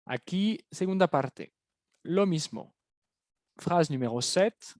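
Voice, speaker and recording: Speaking slowly and expressively in a high, somewhat mellow voice, a man reviews French with students in an online lesson conducted in Spanish. He patiently repeats phrases, and the studio-quality audio has no room sound.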